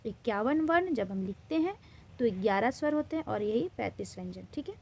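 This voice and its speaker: A woman's voice: fairly high pitch, lively intonation, fairly quick, gravelly, a little mellow, husky. A woman Hindi grammar teacher with an Indian accent, giving a classroom-style lesson in which she poses questions and then answers them, repeating key terms.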